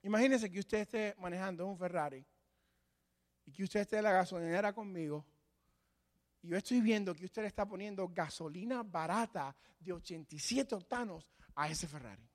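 A man's voice: sits high, moderate pace. A man preaching a sermon as pastor, dynamic and acting out voices of imagined people. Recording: long hall reverb.

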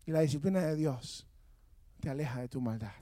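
A man preaching a sermon from a church altar, passionate and sometimes shouting, and mixing self-mocking stories with earnest appeals. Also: a little high, brisk, no echo, clean studio sound. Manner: storytelling with self-mocking humor. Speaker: pastor.

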